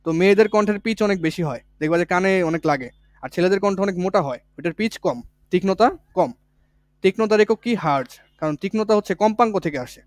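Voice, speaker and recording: Male physics tutor, high-pitched, dry close sound, drills key points by repetition. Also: dry recording. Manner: explains step by step, repeating key points; colloquial, with village words. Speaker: physics teacher. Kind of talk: online exam-prep lesson.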